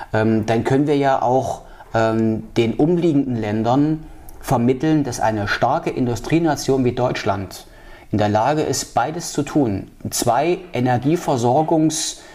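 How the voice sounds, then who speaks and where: A man gives long, earnest answers in an interview. His voice is mellow and low-key. He halts often, restarting phrases and filling pauses with hesitation sounds. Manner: halting, many fillers and restarts. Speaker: political candidate.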